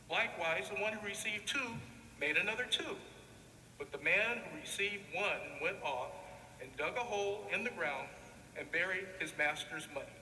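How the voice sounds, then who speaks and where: A man reading scripture as a deacon in a solemn, measured, declamatory way, with cathedral echo around his voice. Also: high voice, sharp tone. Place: large reverberant church. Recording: echoey church, long reverb, background noise.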